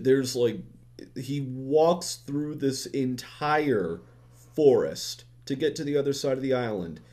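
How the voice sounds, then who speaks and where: A man's voice: on the low side, darkish tone. A young man giving a rambling, profane, exasperated movie review, full of restarts and filler words.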